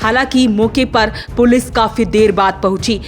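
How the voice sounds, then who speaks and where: A woman reading a scripted local news report in a steady, formal manner. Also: on the high side, normal speed. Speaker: news voice-over narrator.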